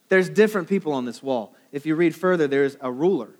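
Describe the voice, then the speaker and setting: A man preaching in a loose, chatty way, joking with his listeners and checking in with "right?" as he goes. His voice sits a little higher than most men's, and he speaks from a church hall. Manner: conversational and joking, often asking "right?". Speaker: pastor. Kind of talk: sermon.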